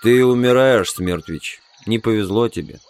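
A man doing a gruff, cynical soldier. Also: lowish voice, moderate pace, a little mellow, a little hiss or hum, lightly acted. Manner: gruff, blunt.

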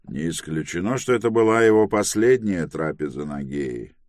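A man narrating an audiobook in a steady, unhurried way, on a close studio mic. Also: low voice, no room sound.

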